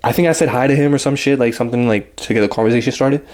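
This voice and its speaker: A man's voice: mid-range voice, rapid-fire, a little mellow. A young man telling a casual storytime, rambling in heavy slang and acting out what people said. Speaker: vlogger.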